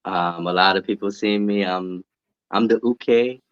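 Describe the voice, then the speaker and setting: A low-voiced man from the US East Coast chats casually as a podcast guest in an interview, speaking at a measured pace. He's laid-back, laughs easily, and uses lots of fillers. His tone is clean, but the recording is dry and muffled.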